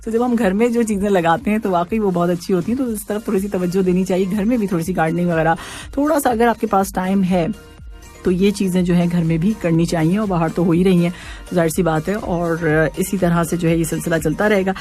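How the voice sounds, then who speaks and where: A woman's voice: lowish voice, a little fast, warm tone, faint music behind. Chatty radio host woman who laughs a lot. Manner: chatty, laughs often, mixes in English words. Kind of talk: casual radio chat reading listener messages. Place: radio studio.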